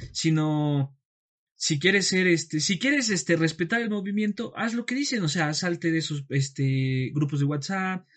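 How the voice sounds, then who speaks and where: A man's voice: a little high, a bit bright. A man with a Mexican accent in a casual discussion, speaking hesitantly with many fillers.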